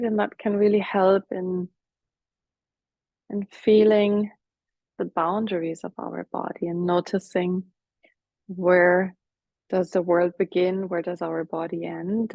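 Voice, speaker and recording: A woman leading a guided breathing meditation as a teacher, speaking softly and soothingly, with some cues half whispered. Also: fairly low pitch, vocal fry, no room sound, lo-fi sound. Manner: soft, slow, soothing guidance with whispered cues.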